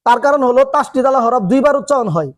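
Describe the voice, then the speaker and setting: A male teacher runs a classroom lesson, his voice pitched very high. He drills each rule over and over, putting a question to the class and then answering it himself. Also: very fast. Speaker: Quran reading teacher. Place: classroom with a board and students.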